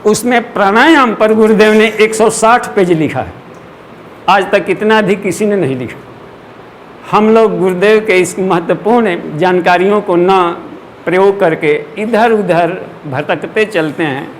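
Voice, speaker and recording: A man giving a devotional lecture, explaining earnestly to an audience and often clearing his throat. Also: high-pitched, a little slow, slight background noise. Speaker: spiritual teacher.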